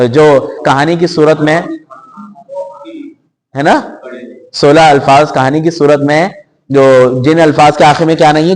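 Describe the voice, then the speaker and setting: Male Quran teacher, high voice, stretched-out words with quick glosses, classroom lesson with long hall reverb. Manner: drawn-out stressed words, then quick glosses and questions to the class.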